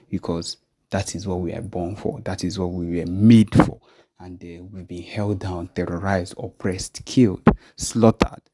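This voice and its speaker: A man's voice: sits low, dark tone. A man with a Nigerian accent giving an impassioned political talk, emphatically repeating phrases with conviction. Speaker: political activist commentator.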